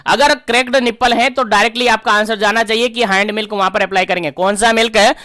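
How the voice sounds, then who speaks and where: A man's voice: sits high, steady tone, brisk, pushed and bright, no room sound, clean studio sound. A young man teaching an online nursing exam-prep class, emphatic, repeating key answers back as quiz questions.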